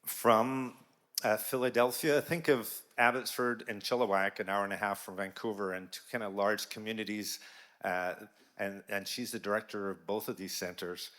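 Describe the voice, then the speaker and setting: A man emcees a gala and introduces the next speaker in a loose, informal way, with plenty of fillers. His voice sits on the low side for a man. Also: steady tone, moderate pace, a bit bright. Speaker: event emcee.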